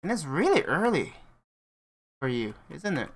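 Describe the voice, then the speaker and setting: A man's voice: on the high side, sing-song, unhurried. A man streaming himself playing a game, chatting casually with viewers and laughing often. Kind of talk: casual live-stream chat while playing.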